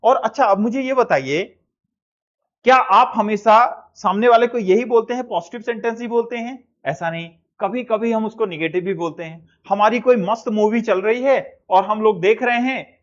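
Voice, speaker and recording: High-voiced man teaching English. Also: dull audio. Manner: asks and answers his own questions, says model sentences very slowly. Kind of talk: classroom lesson.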